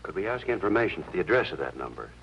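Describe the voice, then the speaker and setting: An earnest hospital chaplain in a 1950s TV drama. His voice is extremely deep with a gravelly edge, and he questions gently but keeps pressing. The sound is dull and lo-fi, with clear music behind him. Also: very fast, slight background noise. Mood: inquiring. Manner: calm, polite, persistent questioning.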